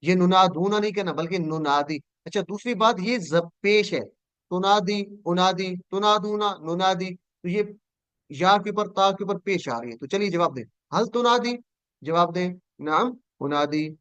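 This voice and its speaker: A man's voice: sits high, a bit bright, smooth. Patient man drilling Arabic verb forms. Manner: patient, repeats words slowly for students to echo. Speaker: Quranic Arabic teacher.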